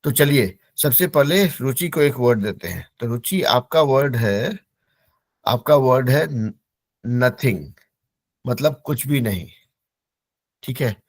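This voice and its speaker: A man's voice: mid-range voice, expressive, no room sound. Patient male teacher drilling English words. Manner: patient, repeats words slowly for pronunciation drill. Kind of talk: online class instruction.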